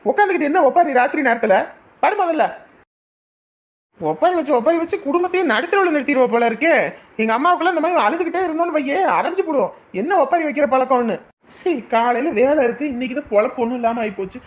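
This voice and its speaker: A woman voicing a gruff, dismissive young husband in an animated drama. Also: high-pitched, fast talker. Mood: irritated. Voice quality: grumbling, dismissive.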